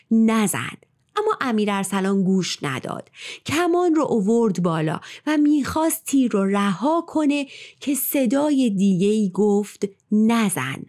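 Woman storyteller with a lively, swinging pitch, dramatic delivery that dips into whispers. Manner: animated, dramatic, drops into whispers. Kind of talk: storytelling narration.

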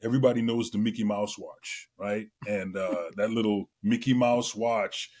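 A middle-aged man from Trinidad and Tobago, a guest entertainer telling his career story in a lively way, with many fillers. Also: fairly low pitch, normal speed. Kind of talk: casual interview chat.

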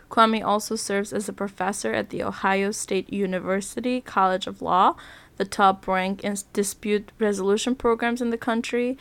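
Her mid-range, slightly bright voice sounds a bit off from illness as this woman hosts a podcast interview. She keeps things upbeat and chatty, with some fillers.

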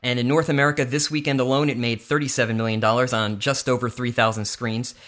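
A man with a bright, clear tone hosts a casual entertainment talk show. He runs down the news in an easy, breezy way, and his pitch sits in a middle range. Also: flat delivery, fast. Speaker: podcast host. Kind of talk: casual chat.

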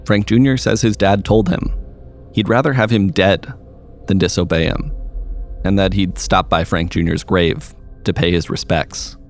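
A male reporter giving scripted narration in a measured, even way. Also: deep voice, faint music behind.

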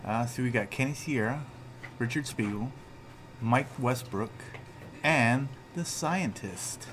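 A man's voice: mid-range voice, slow, noisy background. Chatty man at an outdoor flying field. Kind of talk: casual chat.

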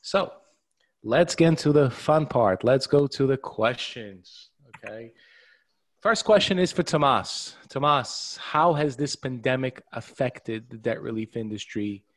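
A man's voice: mid-range voice, expressive, a little slow, no room sound. A man moderating a webinar panel, upbeat and welcoming, with some fillers as he talks. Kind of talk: scripted-sounding webinar hosting.

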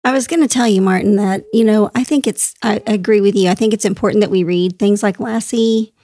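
A woman's voice: mid-range voice, brisk, dark tone, dry recording. A woman who is a guest on a casual talk show, speaking earnestly and emphatically. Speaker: podcast guest. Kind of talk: casual chat.

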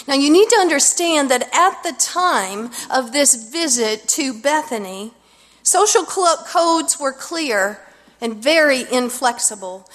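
A woman pastor preaching from a pulpit microphone, her higher voice unhurried and deliberate. Her words ring out in a church sanctuary with a long, lingering reverb. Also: a bit bright. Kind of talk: sermon with scripture reading. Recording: long reverb of a large hall.

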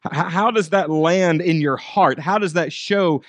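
A man's voice: a little high, unhurried, no echo. A man preaching a sermon, speaking directly to his listeners with emphatic repeated phrases and rhetorical questions. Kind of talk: sermon to a congregation with teenagers and parents.

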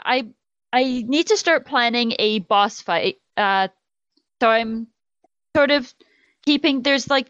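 Woman, fairly high voice, smooth, casual podcast chat, rambling with "um", dry, slightly muffled lo-fi recording. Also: a bit bright, no echo. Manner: rambling, with frequent "um" and "like".

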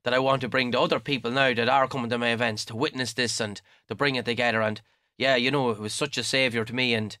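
Bright-voiced man with a west of Ireland accent. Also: medium pitch, steady tone, fast, no room sound, clean studio sound. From County Leitrim, Ireland. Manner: enthusiastic, repeats words for emphasis. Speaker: interview guest, mountain hiking event organiser. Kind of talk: casual radio interview talk.

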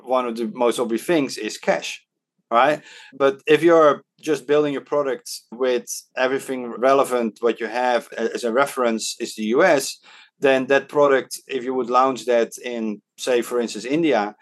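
This Dutch man from the Netherlands halts frequently, filling gaps and restarting phrases as a podcast guest and startup advisor in Hong Kong. His mid-range voice keeps a fairly even intonation through the casual interview.

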